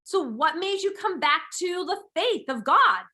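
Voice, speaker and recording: A podcast host in her forties gushes through an upbeat interview, repeating words for emphasis. Her very high-pitched voice is sharp and very animated, though her pace is unhurried.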